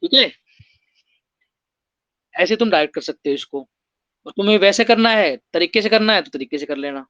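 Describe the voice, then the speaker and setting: High-voiced male maths teacher, muffled. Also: expressive, moderate pace, pauses often, fairly bright tone, dry recording. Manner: explains step by step, asks students rhetorical questions. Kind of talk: exam-prep maths lesson.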